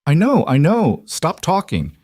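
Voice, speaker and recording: A man's voice: fairly high pitch, wildly swooping pitch, unhurried, darkish tone, no echo, clean studio sound, pitched above the performer's own voice, heavily acted. A man voicing a young duchess who pleads and gives urgent orders in a raised voice. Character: young duchess, frantic and commanding.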